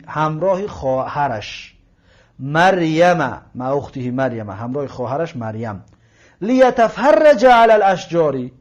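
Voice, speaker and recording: In a dull, muffled lo-fi recording, a man with a somewhat high voice gives a patient Arabic grammar lesson. He goes through a text word by word, translating, parsing and repeating phrases.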